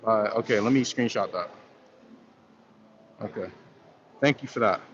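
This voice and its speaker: With a lowish, unhurried voice, a man hosts a casual livestream and rambles through viewer comments. His speech is loose and slangy, packed with fillers and restarts. The stream audio comes through dull and lo-fi, with faint noise.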